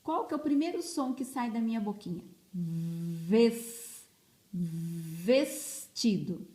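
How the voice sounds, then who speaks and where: Recorded on a phone, this woman teaches young children to read, drawing words out slowly and stressing each syllable as she repeats it. She has a high-pitched voice with lively intonation and a darkish tone.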